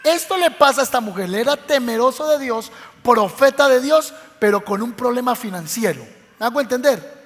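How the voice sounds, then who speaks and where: Man preaching, Medellín accent, high voice, storytelling, long church-hall reverb. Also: lively intonation, normal speed. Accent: Colombian Spanish, Medellín. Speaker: pastor. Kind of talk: sermon.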